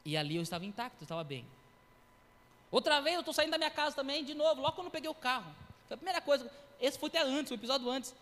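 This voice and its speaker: A man in his thirties giving a sermon testimony, telling his story in a lively way with acted-out quotes and sound effects. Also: very high voice, very fast, big-room sound. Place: church.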